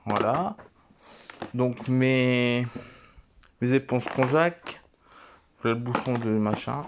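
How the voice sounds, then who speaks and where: A man casually showing and naming his items one by one, talking haltingly with many fillers and restarts. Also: medium pitch, lo-fi sound, background noise. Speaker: vlogger. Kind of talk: casual show-and-tell.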